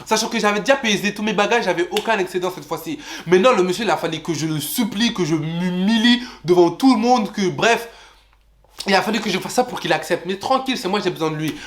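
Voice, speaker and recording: A young man telling a personal travel story to his viewers in an animated vlog style, talking straight to them and jumping into high voices to act out what people said. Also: quick pace, a little hiss or hum. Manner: animated, addresses viewers as "les gars", jumps into high voices for quotes. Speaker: vlogger.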